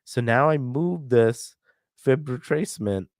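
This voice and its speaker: A crypto livestream host, congested from a cold, chats casually with viewers and chat about price charts through a headphone mic. His medium-pitched voice is animated yet unhurried, and the studio-quality recording is dry.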